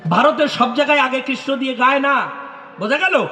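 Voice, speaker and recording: This man's voice is extremely high and sharp, expressive, and a little fast. Speaking on a lecture hall stage, he gives a devotional lecture, patiently explains things to the audience, answers their questions, and chants mantras in rhythmic runs while the hall echoes with long reverb.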